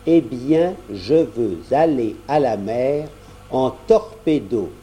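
A man's voice: mid-range voice, expressive, takes it slowly, warm tone. A man voicing a cheeky, stubborn young boy in a storybook reading, eager and insistent.

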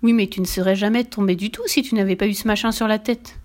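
A woman voicing a gentle, sensible little girl, earnest and dismayed, in a storybook reading. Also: mid-range voice, fairly even intonation, fast talker, close to an everyday voice.

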